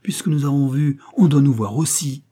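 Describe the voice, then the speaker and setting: An anxious, excitable army lieutenant, as a male narrator puts him on, his voice climbing high when hope flares. He talks urgently through a husky, warm tone, in a storybook reading. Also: normal speed. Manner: urgent, rising to excited exclamations.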